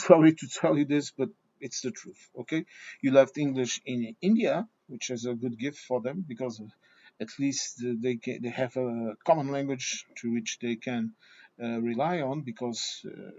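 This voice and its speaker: This vlogger speaks to camera, sharing his opinions in a mid-range, warm voice. His first languages are Portuguese and German, and he hesitates a lot, restarting, using fillers and repeatedly asking "okay?" The recording sounds slightly dull and lo-fi.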